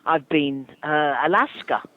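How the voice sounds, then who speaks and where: On a muffled, dry phone line, an older travel agent speaks in a slightly high voice at a measured pace. He comes across as flustered and hesitant, leaning on many fillers.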